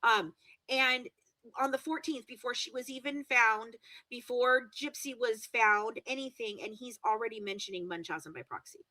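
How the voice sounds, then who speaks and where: Emphatic woman, bright and dry. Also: fairly high pitch, no room sound, rough recording. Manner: emphatic, repeats words for stress, rapid self-corrections. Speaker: guest true-crime commentator. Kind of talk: video-call interview.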